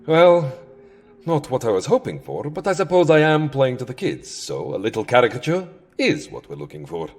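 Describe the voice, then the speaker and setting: The mood is dry and grumbling as a male actor, using a medium pitch, voices a weary, settled vampire count in a comic audio drama. His delivery is very animated at a normal speed, theatrical and wry, moving between boastful, petulant and self-deprecating.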